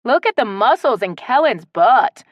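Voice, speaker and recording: A woman's voice: a little high, expressive, unhurried, dry recording, highs cut off, voice pushed up. A woman voicing a cheeky, playful woman joking with friends.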